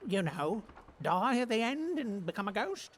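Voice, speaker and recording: A woman's voice: medium pitch, big pitch swings, moderate pace, natural voice. A woman voicing a fussy, hesitant, pompous ghost-story enthusiast in a video game. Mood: awkward, unimpressed. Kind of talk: video game character acting.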